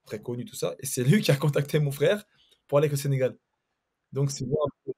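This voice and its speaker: A man's voice: medium pitch, brisk, darkish tone, slightly rough. A man from Paris, a former footballer, telling a long story in a casual chat with some hesitation. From Paris, France. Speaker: former footballer, panel guest.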